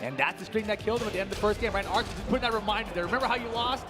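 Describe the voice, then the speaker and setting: A man's voice: high-pitched, racing. A man commentating on a fighting game tournament, analysing play in a conversational back-and-forth. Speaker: esports commentator. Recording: music playing behind the voice.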